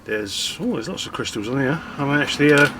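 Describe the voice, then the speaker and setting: A man talks away in a relaxed, rambling way, joking at his own expense while he takes apart scrap computers. His voice sits at an ordinary middle pitch. Loud clattering and clicks from his work fill the recording behind him. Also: fairly quick, noisy background. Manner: chatty, self-mocking, muttering while working. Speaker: scrapping vlogger. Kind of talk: casual chat while working.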